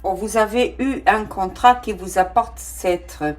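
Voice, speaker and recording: In an unhurried mid-range voice, a middle-aged tarot reader with a non-native French accent gives an informal reading. Her speech is hesitant and full of fillers, broken up by delighted exclamations over the cards.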